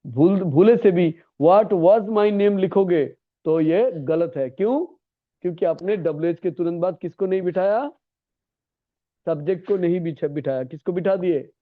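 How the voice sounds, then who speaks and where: High-voiced male teacher coaxing a class. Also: measured pace. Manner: coaxing, repetitive, calls students "beta". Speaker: English grammar teacher. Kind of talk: classroom lesson. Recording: tinny phone-like classroom recording.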